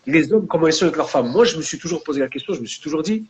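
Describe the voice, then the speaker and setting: Expressive and rapid-fire, this fairly high-pitched young man is a guest and book author in a casual discussion. His French Maghrebi urban accent reflects his background as someone from France with Maghrebi family, and his speech switches between street slang and Arabic religious terms.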